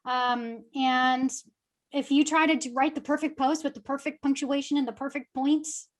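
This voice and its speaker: A high-pitched young woman talks fast and loose, full of fillers and upbeat energy. She coaches an audience in a casual, friendly webinar tone. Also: fairly even intonation. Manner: chatty, upbeat, filler-heavy. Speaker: guest social media coach.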